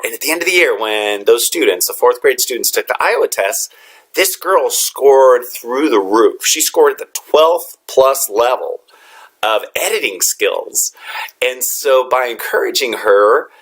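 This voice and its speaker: A man who is a teacher, giving a motivational talk to fellow educators in an earnest storytelling manner. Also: mid-range voice. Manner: earnest storytelling with lively quoted dialogue.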